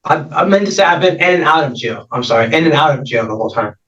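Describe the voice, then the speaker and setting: A male defendant answers the court in quick, stammering bursts, on the defensive. He sits far from the mic, so his voice comes through muffled and dull. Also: fairly high pitch, lively intonation, fairly bright tone. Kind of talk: courtroom exchange.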